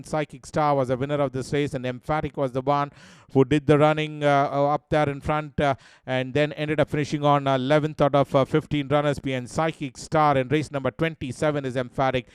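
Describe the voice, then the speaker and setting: A man with an Indian English accent presenting a horse racing preview, working through each runner's form in a steady, listing way with many "uh" fillers. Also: a little high, smooth, no echo. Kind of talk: race preview commentary over replays.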